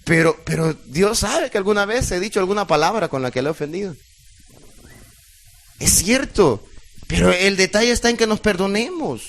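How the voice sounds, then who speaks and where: A man's voice: high-pitched, expressive, moderate pace, a bit bright. A middle-aged man preaching a sermon as pastor, emotional and emphatic, speaking straight to his congregation.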